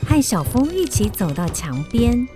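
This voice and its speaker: A woman giving gentle, lilting scripted narration for a children's radio drama. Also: fairly high pitch, sing-song, measured pace. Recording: children's music underneath.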